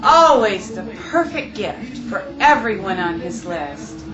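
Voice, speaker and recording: A woman announcing and introducing a seminar's keynote speaker with slow, emphatic phrasing. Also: medium pitch, sing-song. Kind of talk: formal announcement. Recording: echoey, muffled, music behind.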